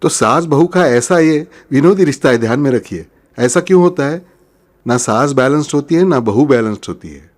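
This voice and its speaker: A male spiritual teacher delivering a sermon at a steady, ordinary mid pitch. He explains patiently, weaving in folk tales and posing questions that he answers himself. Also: moderate pace. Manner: explanatory, storytelling, asks and answers his own questions. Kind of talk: Hindi religious discourse.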